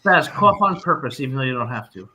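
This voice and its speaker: Blunt fifty-year-old man, bright voice. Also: mid-range voice, expressive, quick pace, a little hiss or hum, low-quality recording. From New Jersey. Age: 50s. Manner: blunt, emphatic opinions. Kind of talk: casual sports chat.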